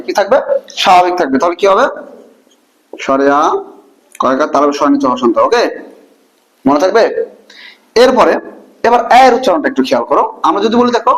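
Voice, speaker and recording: Young male teacher, high voice, drills the class with questions. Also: low-quality recording. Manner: asks students questions and answers them himself. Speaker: Bangla teacher. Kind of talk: classroom lesson.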